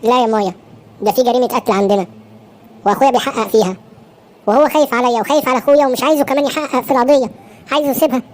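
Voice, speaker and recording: A woman's voice: on the high side, very fast, long pauses, a little mellow, lightly acted. A woman doing an anxious young Egyptian man. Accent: Egyptian Arabic. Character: gentle young man, anxious for his family. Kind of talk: Egyptian cartoon dub acting.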